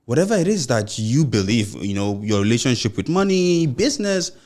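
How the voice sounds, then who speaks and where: Very animated and fairly quick, a young adult man speaks in a medium-pitched, slightly mellow voice as the solo host of a motivational podcast. He has a Nigerian accent and a mild stammer, and his earnest encouragement runs on with frequent "you know"s.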